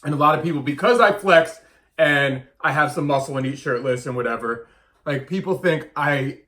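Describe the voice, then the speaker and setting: A man in his thirties with a slightly high voice, talking casually and bluntly to his camera. He hammers his points home and often says them twice. The talk is loose and unscripted. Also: moderate pace, bright, forceful tone. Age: 30s. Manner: blunt, emphatic, repeats himself. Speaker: vlogger and diet coach.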